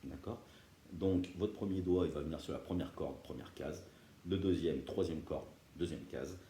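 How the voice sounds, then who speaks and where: A man's voice: very deep voice, normal speed, slight background noise. A man teaching beginners guitar step by step, patient and often checking that viewers follow. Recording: roomy room with loud guitar playing.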